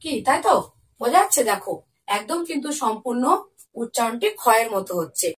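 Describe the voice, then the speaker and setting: High, lively woman teaching young children. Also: far from the mic. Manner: asks the pupils questions and answers them herself; repeats example words slowly and clearly. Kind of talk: Bengali lesson for young children.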